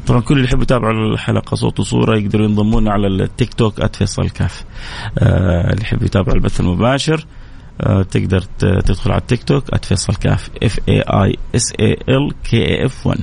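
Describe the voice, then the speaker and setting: A man, hosting a religious radio show and telling stories with lively, dramatic rises in his voice. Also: fairly low pitch, very fast, vocal fry, a little hiss or hum. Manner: animated storyteller, voice leaps up for dramatic moments. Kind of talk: religious storytelling talk.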